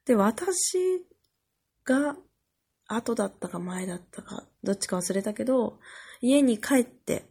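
A woman hosting a podcast, talking casually and amused at herself, her voice hoarse from overuse. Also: a little high, expressive, a little slow, a little mellow. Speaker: podcast host. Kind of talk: casual solo podcast chat.

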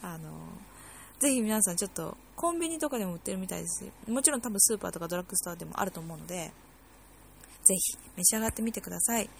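A woman's voice: medium pitch, animated, very fast, creaky, a little hiss or hum. A woman hosting a casual solo podcast, rambling with many fillers and self-corrections. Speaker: podcast host.

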